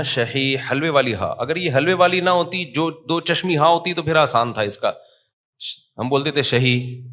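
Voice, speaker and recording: Man with a Pakistani Urdu accent, sermon in a mosque; bright, fairly high voice, chatty preaching style that keeps asking the crowd questions. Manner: conversational preaching, quizzes the audience with questions. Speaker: mufti giving a Friday talk.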